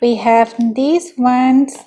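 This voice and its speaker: A young woman hosting a beauty channel, calmly listing the items of an unboxing one by one. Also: high voice, extremely slow. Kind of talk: unboxing vlog.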